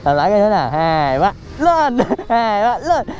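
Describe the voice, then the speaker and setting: Lively Southern Vietnamese guy outdoors. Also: sits high, normal speed, highs cut off. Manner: playful, cheering, laughs often. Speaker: vlogger. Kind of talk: excited casual vlog commentary. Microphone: handheld phone camera. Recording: noisy outdoor phone recording.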